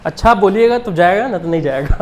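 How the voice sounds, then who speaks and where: A male English teacher in a classroom, speaking in a fairly high voice. He fires questions at his students, switches easily between Hindi and English, and laughs lightly as he corrects their sentences. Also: lively intonation, quick pace, slight background noise. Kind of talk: live classroom lesson.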